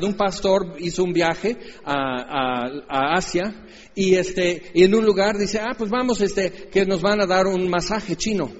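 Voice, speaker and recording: Mexican preacher, husky, in an echoey hall. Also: male voice, fairly high pitch, dull audio. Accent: Mexican Spanish. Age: 50s. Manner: lively, jokey, acts out Bible characters. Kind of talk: animated sermon with acted-out voices.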